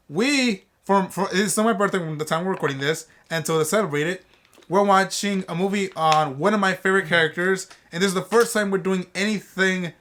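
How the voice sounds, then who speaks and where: A man's voice: a little high, fairly bright tone. Rambling young man hosting a commentary. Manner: rambling, restarts a lot. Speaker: commentary host. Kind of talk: casual chat.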